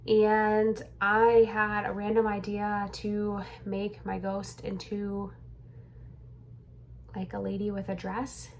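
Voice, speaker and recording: A woman's voice: mid-range voice, darkish tone, a little hiss or hum. A young woman vlogging casually from a room at home, rambling with lots of fillers and slightly out of breath. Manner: rambling, chatty, filler-heavy. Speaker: crochet pattern designer vlogger. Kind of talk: casual vlog chat. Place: home room being cleared out.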